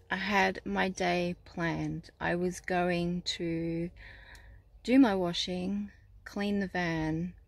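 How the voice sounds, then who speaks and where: A woman in her forties chatting to a phone at arm's length inside a small camper van, telling rambling stories with lots of fillers, tired and nursing a headache. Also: lowish voice. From Australia. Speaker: van life vlogger. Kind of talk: casual vlog chat to camera. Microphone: phone held at arm's length.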